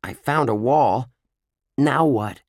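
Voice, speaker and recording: A man's voice: medium pitch, slow pace, no room sound, clean studio sound, pitched above the performer's own voice. A man reading a children's book aloud, voicing a practical, level-headed young boy in a lightly raised voice. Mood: matter-of-fact.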